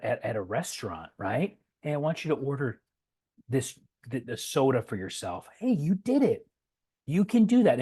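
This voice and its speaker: A man talking families through a webinar on child anxiety in an easygoing, conversational way. His voice has a slightly husky edge and sits at an ordinary middle pitch. He repeats words now and then as he restarts a sentence, and he gets livelier when he acts out praising a child. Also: darkish tone. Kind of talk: webinar presentation.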